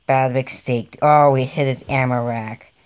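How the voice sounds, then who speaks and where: Excitable young male gameplay commentator. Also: medium pitch, smooth. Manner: rambling, easily excited, jokey. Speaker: gaming channel host.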